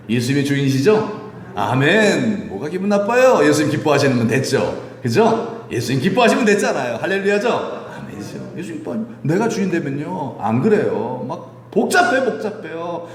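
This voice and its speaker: Male pastor preaching, animated pitch, long reverb of a church hall, light room ambience. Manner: lively, teasing the congregation with questions and chuckles. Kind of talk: sermon. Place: church sanctuary.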